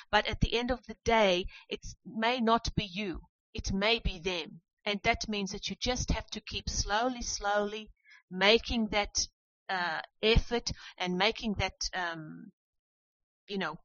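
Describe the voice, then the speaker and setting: A woman's voice: mid-range voice, measured pace, fairly bright tone, no room sound. A woman facilitating a group discussion, speaking for the group in an encouraging way, on a muffled dry recording.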